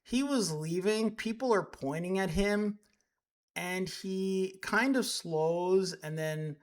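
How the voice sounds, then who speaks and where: Indignant, sarcastic male streamer. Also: fairly high pitch. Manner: indignant, sarcastic, rambling with restarts. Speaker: streamer reacting to clips. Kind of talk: live stream commentary.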